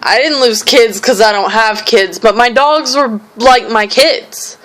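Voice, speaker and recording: Young female vlogger, slow and fairly high, telling a frustrated story. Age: young adult. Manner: frustrated, animated retelling with quoted voices. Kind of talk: casual storytelling vlog.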